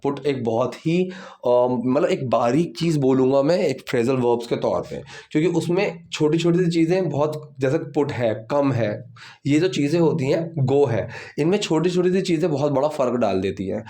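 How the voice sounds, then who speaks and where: A man teaching English grammar, explaining step by step and repeating example sentences slowly. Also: medium pitch, lively intonation, warm tone. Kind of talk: bilingual grammar lesson.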